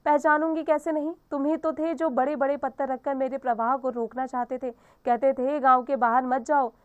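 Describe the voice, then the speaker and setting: A woman's voice: high voice, steady tone, normal speed, highs cut off, natural voice. A woman reading the part of a dying, polluted river as a weary female figure, in a sorrowful, pleading manner. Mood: fond.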